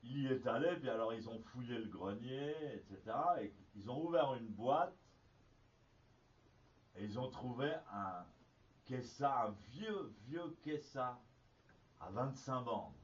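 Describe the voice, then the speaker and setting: A man teaching as a zen teacher, telling a story in a halting way with many restarts. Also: mid-range voice, animated. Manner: halting, with frequent restarts and fillers. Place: meditation hall. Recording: distant, dull lo-fi archive recording.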